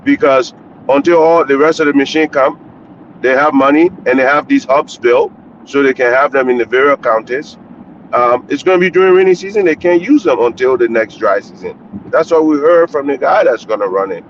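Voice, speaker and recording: A man's voice: mid-range voice, a little fast. A man calls in on his car speakerphone as he drives, blunt and critical in his remarks. His voice sits in a middle register and comes through a dull, lo-fi line with faint road noise underneath. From Liberia. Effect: calling in on a car speakerphone while driving. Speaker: caller commenting on the news. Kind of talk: casual radio call-in commentary. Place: inside a moving car.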